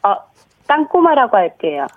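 A woman's voice: fairly high pitch, big pitch swings, normal speed, dry recording. A woman in her forties calling in over a landline phone to a radio quiz, nervous and answering in short, hesitant, polite replies. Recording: tinny phone line.

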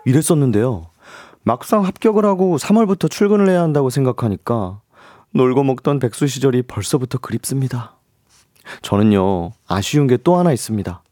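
A man's voice: medium pitch, lively intonation, fairly quick, mellow, no echo, clean studio sound. Easygoing man reading listener letters. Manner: easygoing, reads listener messages aloud. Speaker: voice actor co-host. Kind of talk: casual radio chat.

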